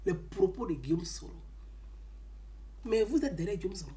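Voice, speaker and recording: A woman with an Ivorian French accent gives an impassioned, emphatic political monologue, scolding as she swings between loud outbursts and low asides. She speaks at normal speed with lively intonation.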